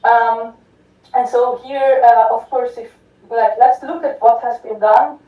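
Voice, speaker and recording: A woman whose voice is on the high side, with fairly even intonation and a measured pace, presents at an academic conference. Her talk is full of fillers and restarts with frequent "right?" check-ins, recorded distantly in an echoey lecture hall at lo-fi quality.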